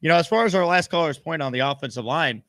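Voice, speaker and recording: A man's voice: a little high, animated, fast, fairly bright tone, dry recording, clean studio sound. A man hosting a live sports call-in show.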